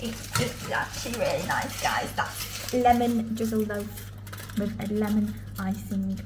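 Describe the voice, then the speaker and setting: A woman visiting friends, chatting playfully and unhurried about a cake she baked. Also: medium pitch, animated. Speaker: guest friend. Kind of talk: casual chat. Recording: echoey room with background noise.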